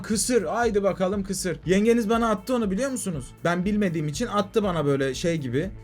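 Fast-ranting young man streamer. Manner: animated ranting, swings between loud outbursts and low muttering. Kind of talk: casual live-stream chat.

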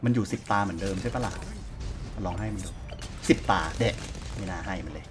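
A man's voice: low-pitched, a little fast, over music. Chatty man commentating his game. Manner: chatty, thinks aloud while playing. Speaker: gaming YouTuber. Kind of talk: casual let's-play commentary.

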